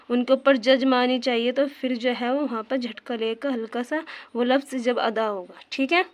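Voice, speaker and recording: A woman teaches Quran recitation in a patient, step-by-step way. Her voice sits a little high but stays on an even, narrow melody. She keeps repeating key terms and quizzing her listeners. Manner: patient, repeats terms and asks questions back to viewers; slows down to demonstrate Arabic sounds. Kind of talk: tajweed lesson.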